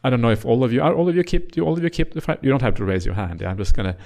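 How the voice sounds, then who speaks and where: Speaking in a racing, sing-song, gravelly mid-range voice, a middle-aged native Norwegian speaker from Norway gives a dharma talk as a monk leading a retreat. He is gentle and teasing, dotting his speech with uhs and yeahs.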